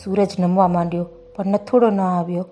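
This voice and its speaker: A woman narrating a folk tale audiobook in an expressive, measured way. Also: fairly low pitch, soft background music. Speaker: storyteller.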